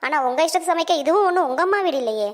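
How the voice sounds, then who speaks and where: Woman doing a super high-pitched cheeky young daughter-in-law, sassy and quick to talk back. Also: lively intonation. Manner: sassy, talks back with mock politeness. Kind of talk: comic short skit acting.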